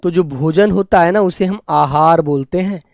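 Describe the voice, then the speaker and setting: A man's voice: on the high side, gravelly, darkish tone, no echo, studio quality. A young man teaching Hindi spelling in a live online class, calling students "beta" and drawing out each word as he drills it. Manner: affectionate, calls students "beta" and "my children"; repeats and drills words slowly.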